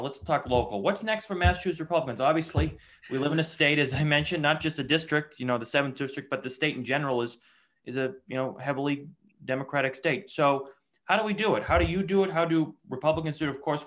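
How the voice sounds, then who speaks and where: A man's voice: on the high side, fast, a bit bright. A man hosting an interview, asking long rambling questions with many restarts. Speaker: podcast host. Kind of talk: conversational interview.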